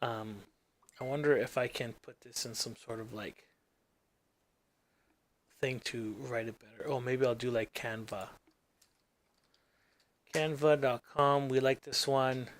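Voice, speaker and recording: This gaming channel host, a native English speaker, narrates his screen work in an easygoing way, thinking out loud. His mid-range voice stays fairly level and unhurried, broken by long pauses, and he wanders off topic and fades into mumbling.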